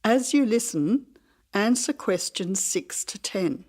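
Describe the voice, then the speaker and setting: A female test narrator with a mid-pitched voice. She reads scripted exam instructions formally and neutrally, enunciating every word clearly. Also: animated, slow pace, darkish tone, a little hiss or hum.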